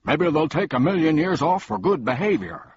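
A man voicing a pompous, nervous male humbug bug who speaks like a fussy gentleman. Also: lowish voice, animated, a little slow, husky, dry recording, muffled recording, voice pushed up, heavily acted. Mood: cheering. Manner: florid, fussy, pleading.

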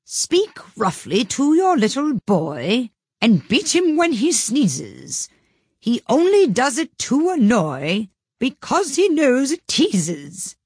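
Woman doing a hoarse, rude old Duchess, storybook, slow scornful drawl, raspy growling voice, dry close sound. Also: mid-range voice, big pitch swings, no room sound, pitched above the performer's own voice. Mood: harsh sing-song.

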